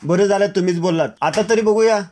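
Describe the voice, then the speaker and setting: Man voicing middle-aged woman, brisk, bossy. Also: high voice, a little mellow, voice pushed up, natural voice.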